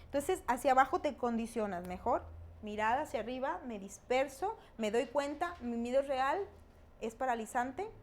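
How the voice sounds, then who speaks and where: A middle-aged woman, talking reflectively as a guest expert, with pauses and fillers. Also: sits high, animated. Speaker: guest expert on emotions and fear. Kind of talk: conversational explaining.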